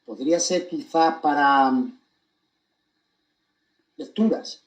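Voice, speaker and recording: A man with an accent from Spain gives a deliberate, emphatic monologue to an audience, breaking his phrases with pointed pauses. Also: a little high, highs cut off. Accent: Spanish from Spain. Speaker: commentator giving his account of a court case.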